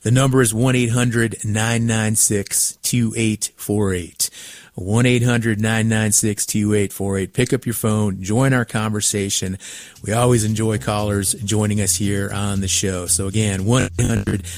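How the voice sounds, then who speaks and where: A man's voice: lowish voice, flat delivery, unhurried, no room sound. An American man hosting a radio call-in show in a scripted, orderly style. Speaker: radio talk show host. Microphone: close studio microphone.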